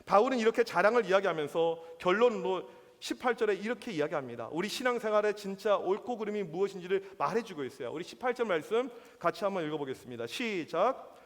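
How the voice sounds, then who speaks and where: Fast-talking youth pastor guy, high-pitched, preaching hard. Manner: emphatic, animated preaching with acted-out quotes. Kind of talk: sermon. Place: church hall. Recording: reverberant church hall.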